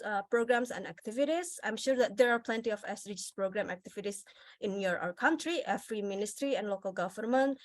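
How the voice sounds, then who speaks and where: A woman's voice: a little high, no room sound. A woman from Indonesia, not speaking her first language, giving a presentation to an audience, with many fillers and restarts. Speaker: speaker presenting on the goals at a festival session.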